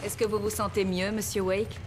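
Actress as firm, medium-pitched sheriff. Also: female voice, flat delivery, normal speed, natural voice. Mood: businesslike. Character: composed, businesslike female sheriff. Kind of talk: video game dub acting.

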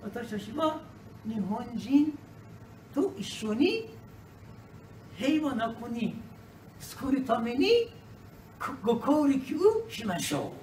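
A middle-aged man gives a prepared speech, slow and halting, restarting words as he goes. He sounds like he is speaking in a hall or classroom, some way off the mic. The room is echoey, with faint noise behind him. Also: very high voice, sing-song, a little mellow, distant mic. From Iran. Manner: halting, non-native Japanese with restarts. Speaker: foreign resident giving a speech.

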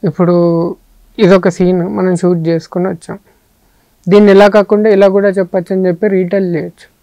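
A man's voice: sits high, level tone, fairly quick, creaky, mellow, no echo, low-quality recording. A man, a film editor, answering interview questions thoughtfully with a Telugu accent, and he often explains through metaphors. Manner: thoughtful, explains with metaphors, mixes in English phrases.

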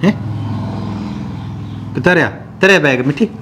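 A man with a Malwai Punjabi accent plays a patient village husband who pleads with his angry wife and tries to calm his mother. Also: fairly high pitch, unhurried, noisy background. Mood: pleading. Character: soft-spoken, pleading village husband and landowner. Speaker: husband in a village family drama. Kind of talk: amateur village drama acting.

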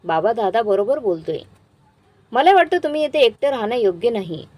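A grown younger son, blunt and matter-of-fact about his plans, voiced by a woman storyteller. His pitch is animated. It is an emotional storybook reading. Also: moderate pace, full character voice.

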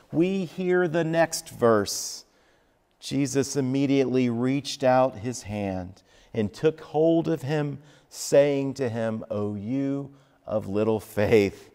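Brief: man preaching, conversational and expressive storytelling, unhurried, in a reverberant sanctuary. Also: mid-range voice. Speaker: pastor. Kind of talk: sermon. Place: church sanctuary.

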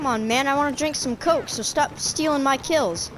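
A woman giving casual running commentary while playing a video game, reacting loudly to the game and to what she drinks. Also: high voice, normal speed, noisy background. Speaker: gamer. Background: game music and sound effects.

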